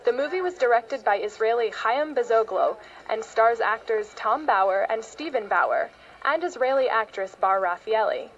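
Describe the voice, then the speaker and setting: A woman's voice: fairly high pitch, lively intonation, moderate pace, lo-fi sound. An American woman reading a scripted news feature as a public radio host and reporter.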